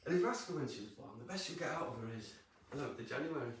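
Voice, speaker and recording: A man's voice: on the high side, sing-song, very fast, fairly bright tone. A man performing a live stand-up set in a comedy club, sardonic and self-mocking, laughing between his lines. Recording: echoey club, distant mic, crowd noise. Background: audience laughter.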